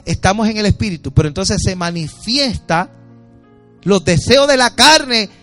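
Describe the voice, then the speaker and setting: Man preaching with sweeping highs and lows. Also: normal speed, faint music behind. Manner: swings between loud high exhortation and low quiet asides. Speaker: pastor. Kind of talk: sermon.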